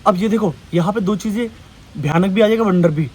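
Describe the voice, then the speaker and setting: A male vlogger with a high voice talks casually and switches into acted emotions as he demonstrates them. Loud outdoor noise and traffic sit behind him. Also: fairly quick. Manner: animated, jumps between acted emotions and chatty asides.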